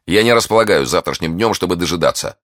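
A man's voice: sits low, animated, fast, a bit bright, dry recording, clean studio sound, voice pushed up. A man voicing an ardent, impulsive young male swordsman in an audiobook, speaking in passionate exclamations. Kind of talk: audiobook character reading.

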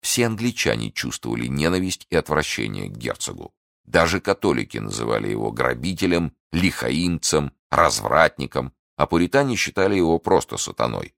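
A man narrating an audiobook in a measured, dramatic storytelling manner. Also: extremely low pitch, big pitch swings, gravelly, a bit bright, no room sound, clean studio sound.

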